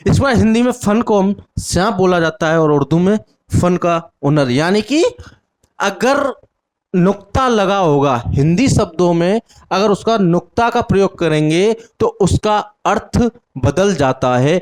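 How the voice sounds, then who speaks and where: A man's voice: sits high, expressive, a little slow. A man teaching an exam-prep Hindi lesson, asking questions and answering them himself while repeating the key words. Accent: Indian Hindi.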